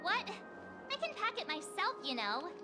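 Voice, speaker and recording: A woman voicing a bubbly, curious teenage girl adventurer in an anime game, chirpy and expressive. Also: extremely high pitch, normal speed. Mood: flustered. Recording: game music behind the voice.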